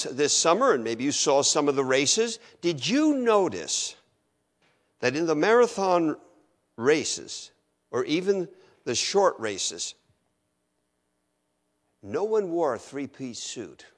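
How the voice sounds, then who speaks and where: A middle-aged man preaching a sermon, acting out his listeners' objections in an animated way. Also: on the high side.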